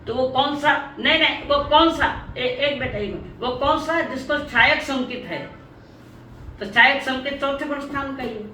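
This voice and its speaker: A woman teaching a religious lesson to an online class. She speaks slowly and deliberately, repeats her points and calls on her students by name. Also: high-pitched, bright, forceful tone, echoey room, distant mic, slight background noise, poor audio.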